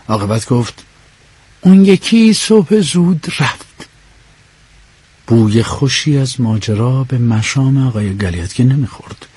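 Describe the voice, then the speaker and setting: Husky male audiobook narrator. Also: lowish voice. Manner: measured storytelling, dropping to a hush in quiet scenes.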